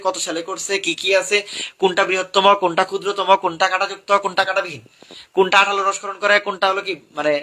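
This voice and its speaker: Rapid-fire young coach, bright voice. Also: male voice, sits high. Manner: rapid, repetitive drilling of topics to students. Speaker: admission exam coach. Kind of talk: live online exam review class.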